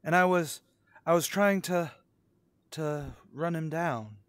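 Frantic and insistent, the man's slightly high voice is recorded with no room sound. As the haunted motorist in an old-time radio suspense drama, he narrates and speaks dialogue with rising anxiety and obsession, breaking off dramatically when rattled.

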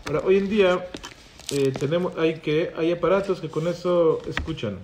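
A man's voice: fairly high pitch, normal speed, darkish tone, slight background noise. Man teaching a class, quizzing students. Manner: explains patiently, asks the class questions. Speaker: rabbi teaching halakha class. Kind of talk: Torah class with student questions.

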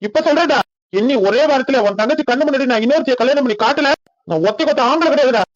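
Man voicing a hot-headed village husband, high and fast. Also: dry recording, lo-fi sound. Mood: angry. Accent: Kanyakumari Tamil. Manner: angry, shouting threats. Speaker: voice actor in a village comedy cartoon. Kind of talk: comic cartoon voice acting.

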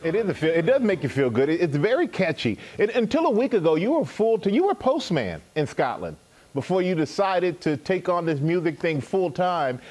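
A male co-host with a slightly high voice that swings widely in pitch. He sounds upbeat as he keeps the live segment moving. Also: sing-song, fairly quick, darkish tone. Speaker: morning show host. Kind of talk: live TV interview.

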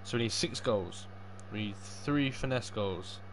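Unhurried and speaking in a fairly low voice, a young gamer chats loosely on his livestream. His talk is sweary and full of matey slang, with clear background noise and game sounds running underneath.

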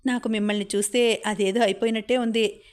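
A woman voicing a brisk, bossy young woman friend who teases the couple. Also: a little high, steady tone, darkish tone, lightly acted. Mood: brisk teasing.

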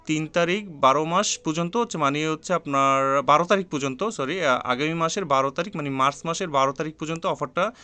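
A man explains an online task one click at a time, his voice slightly raised in pitch. His tone is smooth and clear. He hesitates often, stretching his fillers and repeating steps. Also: brisk, pushed and bright. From Bangladesh. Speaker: online earning tutorial host. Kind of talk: step-by-step screen tutorial.

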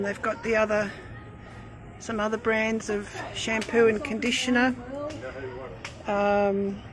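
A middle-aged Australian woman chats through her fortnightly grocery haul on a handheld phone. She takes her time, with a slightly raised pitch, and fills her lists with ums and uhs. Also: background noise. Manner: chatty and thrifty, listing items with frequent ums. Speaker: vlogger. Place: discount shop aisle, then at home over groceries.

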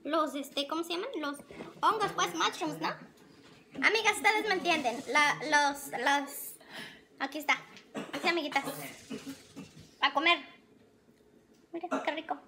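A woman's voice: sits high, a little slow, long pauses, background noise. A woman, chatting casually to viewers while filming herself on a phone at home and in her car. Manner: chatty, keeps addressing viewers as friends. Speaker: vlogger. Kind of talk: casual chat to camera. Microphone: phone held at arm's length.

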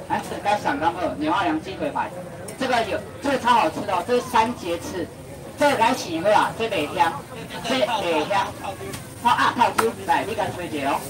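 A young man with a Taiwanese accent, high-pitched and expressive, works the crowd at an outdoor market as he auctions off seafood. His rapid, sing-song price calls and banter come from far off, buried under loud background noise.

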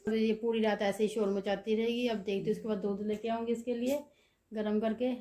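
A woman talking softly to her children and the camera at home late at night, recorded on a phone. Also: fairly high pitch, level tone, brisk. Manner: soft, coaxing talk to children at night. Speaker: vlogger, mother. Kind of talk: casual home vlog.

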